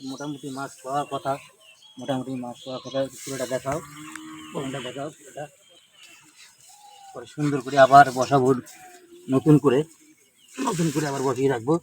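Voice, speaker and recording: A man's voice: medium pitch, flat delivery, fairly quick, pauses often, background noise. Chatty Rangpur-accented man in a paddy field. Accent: Rangpur Bengali. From Rangpur, Bangladesh. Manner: chatty, repetitive, greets and addresses viewers. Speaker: vlogger. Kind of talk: casual outdoor video blog. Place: rice paddy outdoors.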